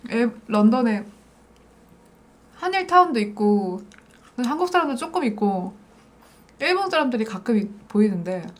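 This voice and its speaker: A woman's voice: fairly high pitch, sing-song, normal speed, pauses often. A woman from South Korea chats casually and playfully to viewers as the host of an eating show. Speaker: mukbang host.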